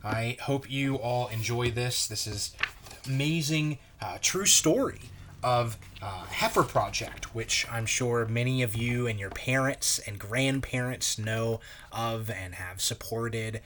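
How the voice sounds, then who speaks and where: Reading a children's story like a pastor speaking to little ones, a man keeps a very slow, careful pace. His pitch is average for a man and his delivery expressive and child-friendly, with slight background noise.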